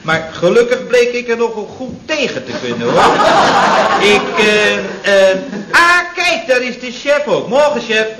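Casting: a bumbling, boozy barman, high and confused, roomy noisy old recording. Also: big pitch swings, unhurried, exaggerated voice. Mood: rambling. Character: dazed, boozy male barman Paul, muddled.

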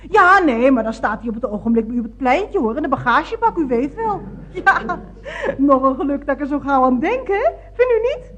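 A woman's voice: high-pitched, very animated, a little fast, fairly bright tone, highs cut off. An actress playing a scatterbrained, chatty woman motorist rambling on the phone in a radio comedy. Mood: chattering. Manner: gushing, giggly, rambling.

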